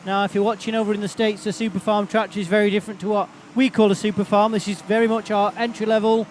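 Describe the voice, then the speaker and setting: Outdoors at a tractor pulling event, a man with a high, level voice calls the action live at a quick pace, with slight background noise. His unscripted commentary is chatty and meandering.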